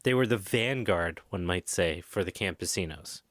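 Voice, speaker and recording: A man's voice: deep voice, normal speed, fairly bright tone, dry recording, clean studio sound. A man hosting a podcast, recounting history in a casual, jokey way with swearing and tangents. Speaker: podcast host.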